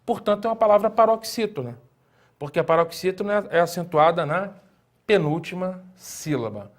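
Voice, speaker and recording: A man with a fairly high voice teaching a language lesson at an unhurried pace. He explains patiently, poses rhetorical questions to the viewer and repeats key words slowly for emphasis. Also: lively intonation. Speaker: Greek teacher.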